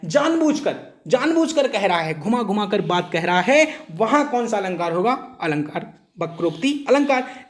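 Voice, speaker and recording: A man with a fairly high voice teaches a grammar lesson for exam candidates. He explains patiently and circles back over each point. He keeps pausing to ask whether it is clear. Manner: repeats points and keeps checking understanding. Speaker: Hindi teacher.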